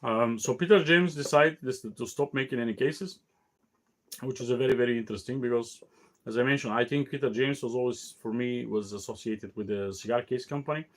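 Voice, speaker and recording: Halting, tired man hosting a cigar show. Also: medium pitch. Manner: halting, many fillers and restarts. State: tired, yawning. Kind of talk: casual solo talk show.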